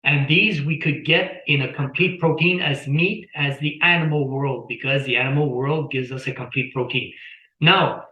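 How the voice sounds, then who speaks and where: A man's voice: fairly high pitch, steady tone, normal speed, reverberant, dull audio. A man chatting as an interview guest on a video call, rambling, repeating words and telling anecdotes. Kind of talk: casual explanatory talk.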